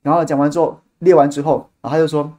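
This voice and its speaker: A man hosting a podcast, telling a story in an animated, casual way and repeating words as he goes. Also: on the high side, fast talker. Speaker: podcast host.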